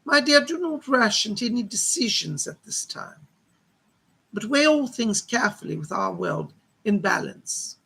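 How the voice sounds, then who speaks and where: A genteel, motherly lady spirit played by a man as a trance seance medium consoles gently and solemnly. The voice is husky and creaky, with a bright edge, and speaks in old-fashioned reassurances. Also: sits high, very animated, a little slow, exaggerated voice. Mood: soothing, solemn.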